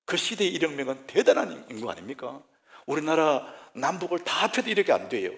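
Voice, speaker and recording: A man, the senior pastor, preaching a sermon in a church sanctuary, swinging between loud exclamations and hushed whispers. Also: on the high side, big pitch swings, fairly quick, creaky.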